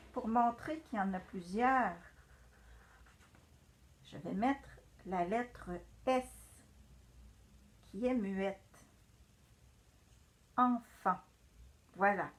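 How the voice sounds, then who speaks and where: A woman teacher giving a patient, encouraging reading lesson to young children. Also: medium pitch.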